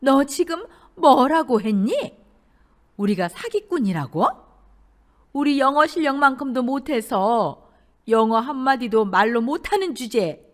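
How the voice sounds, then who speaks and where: A woman voicing a snobbish, haughty middle-aged future mother-in-law who scolds loudly in a radio drama. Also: high voice, expressive, a little slow, voice pushed up. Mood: indignant. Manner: scolding, condescending, loud.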